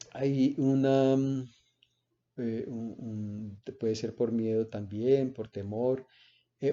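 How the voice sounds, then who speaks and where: Male lecturer, very dark warm voice, seminar talk full of "eh" and "¿cierto?", slightly dull recording. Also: mid-range voice. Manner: explains with spoken examples and frequent "¿cierto?" and "eh".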